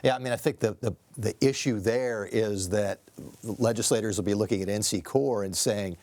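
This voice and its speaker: A man's voice: fairly low pitch, moderate pace, darkish tone, no room sound. A man on a political panel, analytical, often relaying what others said. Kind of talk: studio panel discussion.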